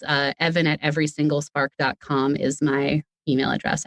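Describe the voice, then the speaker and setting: A woman with a low-sitting voice chats casually as a podcast guest and audio fiction creator, playful and self-deprecating, often wandering off into wordy asides. The recording has no echo.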